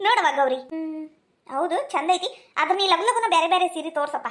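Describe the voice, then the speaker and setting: A woman's voice: very high-pitched, animated, fast, fairly bright tone, a little hiss or hum. A woman playing a doting older village mother-in-law in a comedy skit, with a North Karnataka accent and a fondly scolding, coaxing way of talking. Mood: pleased. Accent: North Karnataka Kannada.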